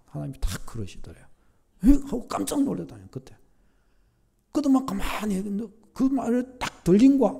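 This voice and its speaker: A male pastor preaching a sermon, an animated storyteller who acts out the voices he quotes. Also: high-pitched, creaky, husky.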